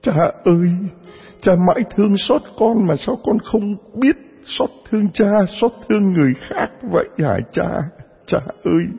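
A man's voice: high-pitched, expressive, moderate pace, creaky, husky, in a large hall, dull audio, faint music behind, pitched above the performer's own voice, heavily acted. A man voicing a repentant wife pleading in tears with her father-in-law in a told folk tale. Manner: tearful, solemn pleading.

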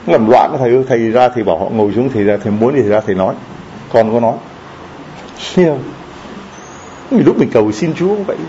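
A man preaching a sermon in a lively, joking way, often asking the congregation questions. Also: medium pitch, quick pace, pauses often, dull audio, a little hiss or hum. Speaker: priest.

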